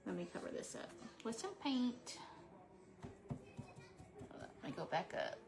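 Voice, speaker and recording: A woman's voice: a little high, very animated, measured pace, creaky. A woman in her forties chatting casually to camera while painting a craft, rambling and talking to herself as she works. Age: 40s. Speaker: craft vlogger.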